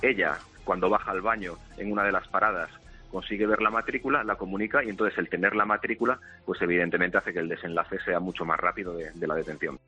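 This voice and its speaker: Man, journalist, husky voice, hesitant with repeated words, dull radio sound. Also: sits low, steady tone, fast, bright, forceful tone, soft background music. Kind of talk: radio interview clip.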